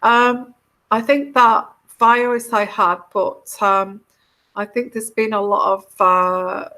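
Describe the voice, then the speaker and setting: An English woman chats slowly on a live stream, her voice bright and clear-edged. She rambles and trails off as she thinks aloud, and she sounds run down and tired. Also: mid-range voice. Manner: rambling, reflective, often trailing off. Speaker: tarot reader hosting a live chat. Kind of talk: casual live-stream chat.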